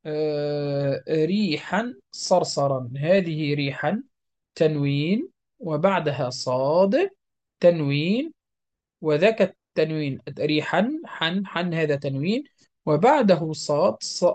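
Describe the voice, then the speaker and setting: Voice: medium pitch, animated, slow pace, darkish tone. A Quran recitation teacher giving a methodical, step-by-step lesson, repeating each example and drawing out the nasal sounds to show them.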